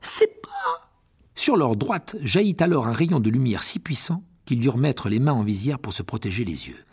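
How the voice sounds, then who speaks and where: Very breathy man reading a storybook. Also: medium pitch, animated, fairly quick, darkish tone. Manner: dramatic, often drops to a whisper. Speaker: audiobook narrator. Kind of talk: expressive audiobook reading.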